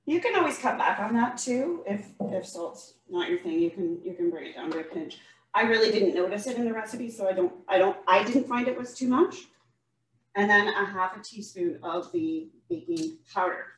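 A woman's voice: medium pitch, lively intonation, moderate pace. Woman demoing baking, distant and echoey. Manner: chatty, self-deprecating, restarts often. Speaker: baking demonstrator. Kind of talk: casual cooking demonstration. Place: home kitchen, indoors. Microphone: laptop camera across the room, video call. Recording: echoey kitchen, speaker far from mic.

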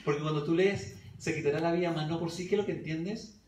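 A man's voice: fairly high pitch, steady tone, fast talker, darkish tone, slight background noise. Man preaching in an echoey church. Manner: asks the congregation questions and reads scripture aloud. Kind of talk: Bible study sermon. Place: church hall. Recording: echoey church recording from a distance.

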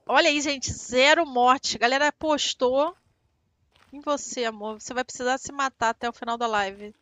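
Girl streaming a game, high bright voice, dry close mic. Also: fairly even intonation, dry recording. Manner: quick, chatty, talks to chat and partner. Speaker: streamer, co-host. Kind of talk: casual gameplay livestream chat.

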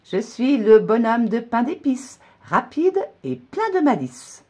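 A woman voicing a cocky, mischievous little gingerbread man in a storybook reading, with a shrill, sing-song taunting chant. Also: very animated, slow pace, warm tone, exaggerated voice.

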